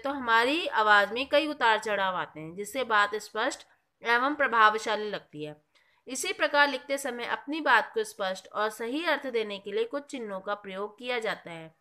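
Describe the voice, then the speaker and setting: A woman's voice: fairly high pitch, sharp tone. A woman teacher giving a grammar lesson, explaining patiently and asking the class questions she then answers herself. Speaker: school teacher.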